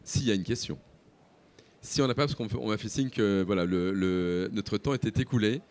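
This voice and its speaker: Low-voiced man moderating a panel. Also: fairly quick, darkish tone. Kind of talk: spontaneous panel discussion.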